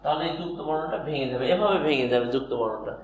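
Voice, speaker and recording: Man teaching pronunciation, high voice, methodical, repeats examples. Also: expressive, very fast, a little hiss or hum. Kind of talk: pronunciation lesson. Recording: very echoey room.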